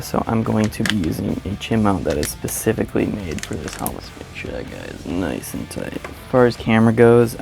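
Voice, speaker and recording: Presenting a how-to tutorial as a motovlogger, this man talks in a fairly low voice with vocal fry. He narrates each step casually and plainly, in an informal style.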